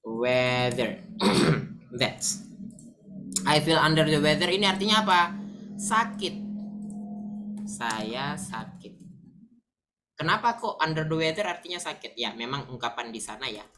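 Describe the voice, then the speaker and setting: Casting: woman, low voice, relaxed chatty teacher walking viewers through examples. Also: soft background music. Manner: chatty, addresses viewers as friends, explains slowly with examples. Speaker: English teacher. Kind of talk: casual online English lesson.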